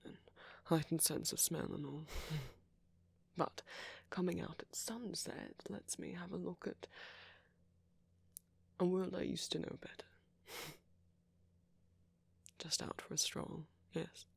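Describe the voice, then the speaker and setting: In an intimate ASMR roleplay, a man voices a friendly, flirtatious ancient vampire, breathy and frequently close to a whisper, with gentle, teasing, refined phrasing. His pitch is fairly high and his tone steady, and he goes slowly with frequent pauses, fully in character.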